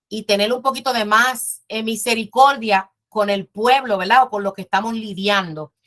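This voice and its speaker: A woman's voice: on the high side, pushed and bright. A woman teaching a Bible class in an earnest, emphatic way, often repeating her phrases.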